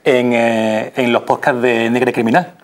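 Mid-range and measured, with little movement in pitch, this voice belongs to a Spanish man in his thirties. A radio theatre performer, he's a guest in a small TV studio, explaining conversationally into a lapel mic.

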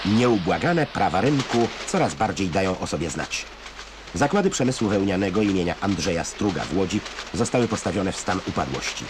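Low-voiced, wry old newsreel narrator, male. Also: lively intonation, brisk, background noise. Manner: wry, ironic delivery of scripted commentary. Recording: music bed behind narration. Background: music.

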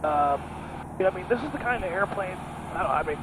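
Upbeat middle-aged pilot, slightly higher voice. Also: male voice, lively intonation, background noise. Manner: enthusiastic, measured explanations. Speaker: aircraft company pilot. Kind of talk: casual cockpit conversation. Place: small aircraft cockpit in flight. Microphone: headset boom mic. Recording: loud engine drone behind.

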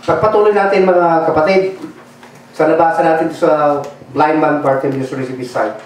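A man's voice: a little high, fairly even intonation, normal speed, slight background noise. A man preaching a fervent bilingual sermon and calling for amens from the congregation. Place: church hall. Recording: echoey church from far off.

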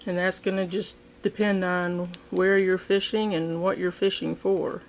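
A woman's voice: on the low side, level tone, measured pace, slight background noise. A woman hosting a casual how-to video, demonstrating a craft at a table indoors and thinking aloud with frequent ums and restarts. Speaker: fishing craft video host.

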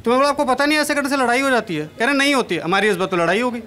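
Young man, stand-up comedian, high voice, handheld mic, live stage with some noise behind. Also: rapid-fire, bright, forceful tone. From Kanpur, India. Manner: chatty, self-deprecating punchlines. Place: large stage at an event, indoors.

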